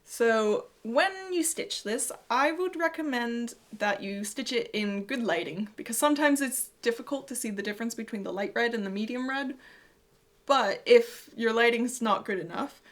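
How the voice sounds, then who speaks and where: A woman's voice: on the high side, normal speed. A woman co-hosting a podcast, explaining things in a casual, chatty way. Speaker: podcast co-host and designer.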